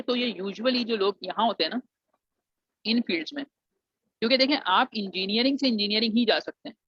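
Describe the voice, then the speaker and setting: A man's voice: sits high, a bit bright, no echo. Man, student advisor, mixes in English, muffled lo-fi audio. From Pakistan. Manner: mixes English phrases into Urdu, calls students "beta". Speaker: admissions advisor for engineering students. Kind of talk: explanatory lesson to students. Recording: dull, dry lo-fi recording.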